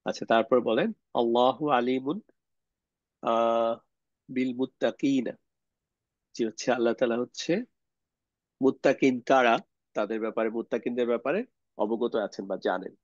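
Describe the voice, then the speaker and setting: Male online teacher, explains step by step and quizzes students, mid-pitched, dry lo-fi mic. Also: fairly even intonation, no room sound. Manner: explains slowly, poses questions to students, mixes English words. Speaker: Arabic grammar teacher. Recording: dull lo-fi sound, dry.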